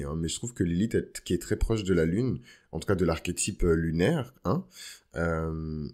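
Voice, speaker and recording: Very low-voiced man, casual podcaster. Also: a little mellow. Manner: informal, with English slang mixed in. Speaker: podcast host. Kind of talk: casual astrology podcast monologue.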